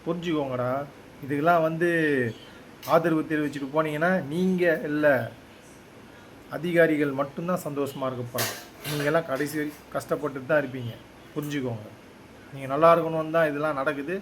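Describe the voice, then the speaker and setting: A man's voice: on the high side, fairly even intonation, fairly quick, long pauses, slight background noise, rough recording. A man with a Tamil Nadu accent making an earnest, pleading appeal to his viewers. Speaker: social media commentator. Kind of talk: pleading direct-to-camera appeal.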